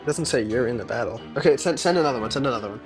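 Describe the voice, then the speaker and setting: A man's voice: medium pitch, lively intonation, rapid-fire. A man casually commenting on his own gameplay during a live stream, laid-back and mumbling asides as he reacts to chat. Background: game music.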